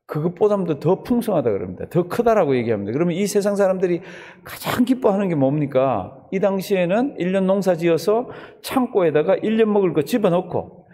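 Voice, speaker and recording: A man's voice: high voice, lively intonation, brisk, mellow. A man preaching a dawn sermon as pastor, asking the congregation questions and answering them himself. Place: church sanctuary. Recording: long church hall reverb.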